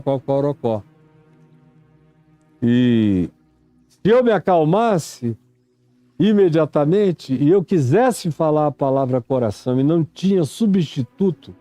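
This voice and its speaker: A man in his seventies with a Brazilian Portuguese accent, a preacher telling a reflective story in a sermon, unhurried and reminiscing. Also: a little high, warm tone, dry recording. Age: 70s. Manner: slow, unhurried, reminiscing, acts out stammering syllables.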